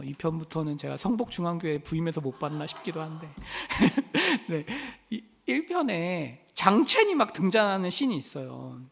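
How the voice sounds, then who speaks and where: A male pastor giving a casual Bible study sermon, his voice rising and falling in an animated way. He talks in a chatty manner, acting out small exchanges and questioning the people in front of him. A long reverb trails behind him in the church hall. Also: fairly high pitch, vocal fry. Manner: chatty, acts out little dialogues and asks the listeners questions.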